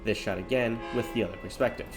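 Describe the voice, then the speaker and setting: A man's voice: on the low side, quick pace, over loud music. A man narrating train-spotting footage as a railfan video host. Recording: clear background noise of trains, ambience.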